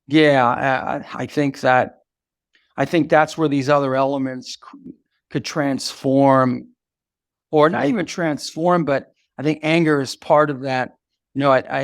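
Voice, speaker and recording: Older guy with a gravelly voice telling stories, lots of stops and restarts, dry close sound. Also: medium pitch, no room sound. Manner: halting, full of restarts and fillers. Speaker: guest, activist mentor. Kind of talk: reflective storytelling in conversation.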